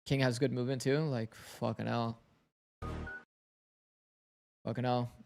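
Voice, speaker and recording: A man streams an esports match, breaking down plays while chatting casually with viewers and thinking aloud as he talks on. His medium-pitched voice is slightly raspy from heavy streaming, level in tone, a little slow, and a little mellow. Soft music plays in the background.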